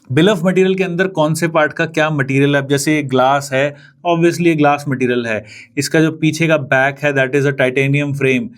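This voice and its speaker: Young trainer from India, slightly high voice, casual and example-driven, switching between Hindi and English. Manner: mixes Hindi and English, explains with everyday examples. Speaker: CAD trainer. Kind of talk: casual classroom explanation.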